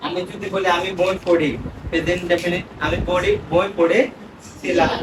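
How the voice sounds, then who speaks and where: Questioning a student and repeating the answers, a male English teacher leads a spoken grammar lesson at normal speed in a high voice with little pitch movement. The recording comes from far off in a reverberant, noisy room.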